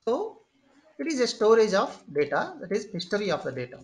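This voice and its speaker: Tech trainer voice for a screen-share lecture: mid-pitched, unhurried, step-by-step, leans on "okay" between points. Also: big pitch swings. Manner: explains step by step, often pausing with "okay" and "say"; repeats and restarts phrases while thinking. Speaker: instructor.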